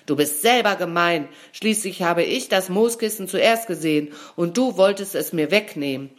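A woman voicing a young male caterpillar friend, pushy and quick to shout, in a storybook. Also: on the low side, pitched above the performer's own voice, close to an everyday voice. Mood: angry shouting. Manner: loud, insistent, raised voice.

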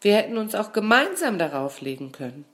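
Woman playing a small girl caterpillar in a storybook, curious, gentle, earnest. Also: medium pitch, very animated, fairly quick, pitched above the performer's own voice, lightly acted.

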